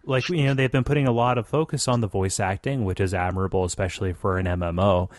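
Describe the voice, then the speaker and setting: A man's voice: lowish voice, steady tone, fast, dry recording, studio quality. A man hosting a casual podcast chat, rambling and joking with many restarts. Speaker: podcast host.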